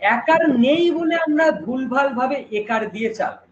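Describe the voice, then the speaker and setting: A man teaching a live online class, chatty and lively, asking students questions as he explains. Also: very high voice, normal speed. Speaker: online exam-prep teacher. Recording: dull lo-fi stream with noise.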